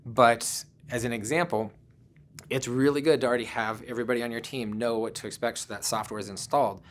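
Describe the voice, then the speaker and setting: A man presents at a virtual conference with a mid-range voice, a steady tone and a slightly fast pace. He talks conversationally, telling personal stories and often saying "um" and "you know."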